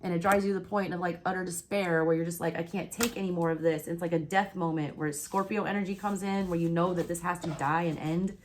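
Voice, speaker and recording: A woman's voice: fairly low pitch, steady tone, fast talker, hardly any pauses, a little hiss or hum. Woman, Southern US accent, casual tarot reading, blunt and swearing, keeps asking "all right?", hiccuping. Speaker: tarot reader.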